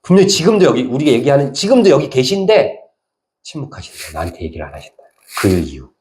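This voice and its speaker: A male pastor giving a conversational sermon, telling stories and now and then acting out voices in sudden high bursts. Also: very animated, fast talker, a little mellow, a little hiss or hum.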